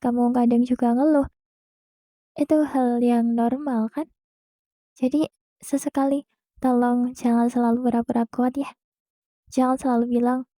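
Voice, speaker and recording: A young woman hosting a podcast, speaking a gentle, reassuring monologue straight to the listener. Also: fairly high pitch, dry recording. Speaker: podcast host. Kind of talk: soft comforting monologue.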